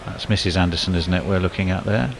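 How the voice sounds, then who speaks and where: Low gravelly guy on cricket commentary, rambly, faint hiss behind. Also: fairly even intonation, quick pace. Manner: rambling, with frequent fillers and restarts. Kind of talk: casual ball-by-ball commentary.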